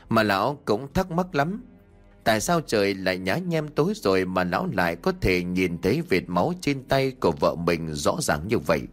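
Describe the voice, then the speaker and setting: A male storyteller narrates a ghost tale with dramatic flair. His voice is fairly low yet animated in pitch. Faint music plays underneath.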